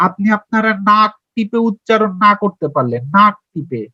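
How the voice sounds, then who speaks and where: A man's voice: high voice, expressive, moderate pace, pushed and bright, dry recording. A young man teaching a Bangla grammar lesson online. He explains step by step, quizzes his viewers and answers himself, and has them repeat sounds along with him. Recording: dull, lo-fi and dry.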